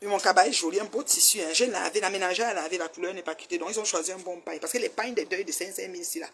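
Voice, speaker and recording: Speaking rapid-fire in a lowish voice, with slight background noise, a fifties-aged online commentator delivers an animated, scolding rant. It's casual commentary, and she repeats herself a lot.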